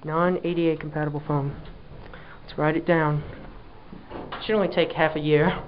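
At normal speed and in a level tone, a man with a slightly high voice narrates his elevator ride into a handheld camera, sounding dry and exasperated. The small car's recording comes through the camera mic as dull lo-fi audio with a faint hum.

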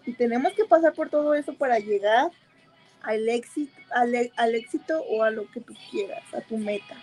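A woman's voice: on the high side, moderate pace, a little mellow, faint music behind, low-quality recording. Chatty, giggly Mexican woman doing makeup. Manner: chatty, giggly, full of o sea fillers. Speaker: makeup seller and host. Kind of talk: casual live chat while applying makeup.

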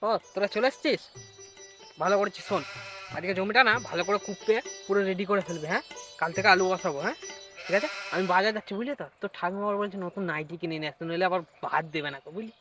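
Guy doing a gruff bossy old village dadu, talks real fast, music under it. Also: sits high, lightly acted. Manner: bossy, curses, checks with repeated tag questions. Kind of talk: comedy sketch acting.

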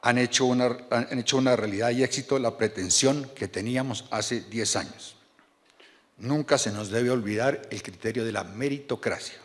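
A man, reading a measured and earnest formal speech from notes at a podium microphone in a large banquet hall. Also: medium pitch. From Colombia. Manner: measured and earnest, reads from paper with small restarts. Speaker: board chairman giving a speech. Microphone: podium microphone on a stand.

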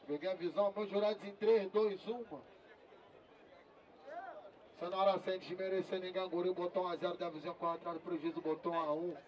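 A man hosting a freestyle rap battle outdoors, shouting chants to the crowd in heavy slang and calling out the judges' votes. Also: high-pitched, steady tone, brisk, lo-fi sound. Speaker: battle host. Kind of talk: hyping a crowd, announcing scores. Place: outdoor city square. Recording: distant mic with crowd noise. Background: cheering crowd.

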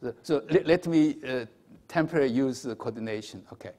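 A man in his sixties with a Chinese accent, giving a formal lecture at a podium in a halting, hesitant manner with repeated words. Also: mid-range voice, mellow. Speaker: academic conference speaker. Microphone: podium microphone.

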